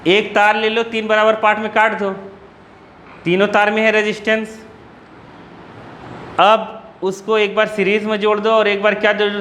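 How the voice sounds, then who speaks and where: A man's voice: sits high, a bit bright, a little hiss or hum. A man with an Uttar Pradesh Hindi accent teaching physics to a class, asking again and again whether the students have understood. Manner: repeatedly checks if students understood. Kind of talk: classroom lecture.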